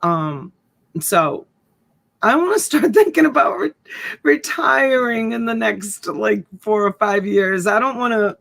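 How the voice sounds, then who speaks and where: A woman's voice: a little high, animated, a little slow, creaky, fairly bright tone. A woman in her fifties hosting a casual live stream, rambling and chatting with viewers as she reads their comments. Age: 50s. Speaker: live-stream reseller host. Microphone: USB desk mic.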